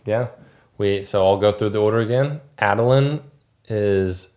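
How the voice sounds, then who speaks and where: A young father with a very low voice reads out viewer questions and answers them in an easygoing, casual chat with his partner. He often pauses with small fillers before going on. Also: darkish tone. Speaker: co-host, new father.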